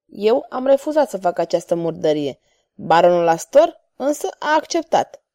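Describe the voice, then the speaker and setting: A woman's voice: fairly low pitch, sing-song, mellow, no room sound, clean studio sound. A woman voicing a bold, mocking male cavalier swordsman who speaks with courtly irony. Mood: ironic. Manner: ironic, courtly and taunting.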